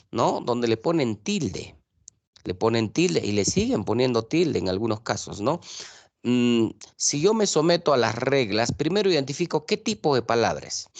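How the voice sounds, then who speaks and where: A male teacher giving an online class on a video call. He explains rules slowly and keeps checking that his students follow. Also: mid-range voice, no echo.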